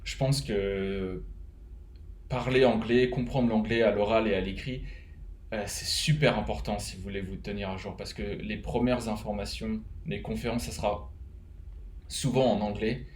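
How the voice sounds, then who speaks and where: A man's voice: lowish voice, fairly even intonation, normal speed, echoey room, slight background noise. A man from France with a French accent, casually giving advice to fellow web developers, rambling with many fillers and restarts. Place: home, living in Canada.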